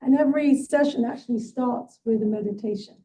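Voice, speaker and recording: A woman's voice: a little high, a little fast, dark tone, recorded from a distance, a little hiss or hum, poor audio. A woman leading a movement workshop, coaching with encouraging asides and frequent "right?". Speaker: workshop leader and guest speaker. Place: event hall.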